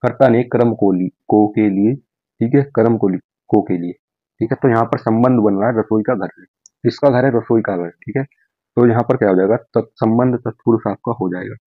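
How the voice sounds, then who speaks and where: A man with a low voice talks students through exam answers, coaxing and friendly, addressing them like brothers and checking in again and again. The sound is dry and a little dull, like a lo-fi recording. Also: fairly quick, no room sound. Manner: repeats "ठीक है जी" and calls students brother. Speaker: Hindi exam teacher. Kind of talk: exam-prep class explaining answers.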